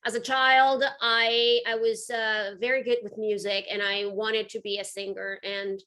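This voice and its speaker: Speaking to an audience as a guest, a Venezuelan-accented woman who curates art and runs businesses gives an earnest, emphatic, conversational talk. Her delivery is flat and measured, her medium-pitched voice pushed and bright.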